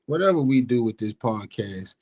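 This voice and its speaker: A man's voice: medium pitch, lively intonation, normal speed, darkish tone. A man co-hosting a podcast, talking passionately and with plenty of profanity, filling his lines with "man" and "bruh". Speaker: podcast co-host. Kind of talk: casual podcast chat.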